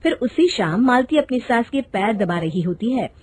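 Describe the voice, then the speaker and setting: A woman narrating a cartoon story in a steady, plain way. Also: fairly high pitch, normal speed.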